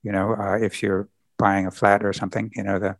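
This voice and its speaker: A man being interviewed as a podcast guest, explaining his work thoughtfully with frequent pauses. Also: fairly low pitch, level tone, no room sound. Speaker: podcast guest, environmental lawyer. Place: lives in Britain.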